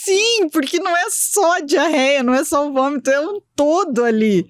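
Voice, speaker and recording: A Brazilian woman in her forties, a veterinary specialist guest, telling lively stories in a casual podcast chat and acting out her clients' replies. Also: sits high, moderate pace, dry recording, studio quality. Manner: lively storyteller who acts out clients' replies.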